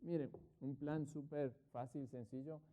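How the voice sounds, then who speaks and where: A middle-aged man teaching English grammar in Spanish in an online class, patiently explaining and asking rhetorical questions, slowing down to spell out English example sentences. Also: medium pitch, fairly even intonation, dark tone. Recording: phone-like thin audio.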